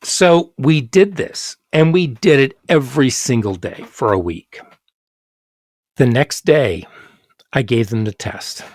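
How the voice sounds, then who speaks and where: A man's voice: mid-range voice, slow pace, dry recording, clean studio sound. An older man, a longtime teacher, telling a classroom anecdote in casual chat and acting out the exchanges.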